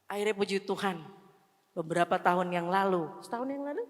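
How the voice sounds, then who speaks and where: A woman's voice: medium pitch, expressive, brisk. A woman from Indonesia preaching at a church revival, telling her story with emotion and mixing English phrases into her talk, rising to pleading cries. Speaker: guest speaker at church revival seminar. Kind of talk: emotional testimony sermon. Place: church hall. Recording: long church-hall reverb.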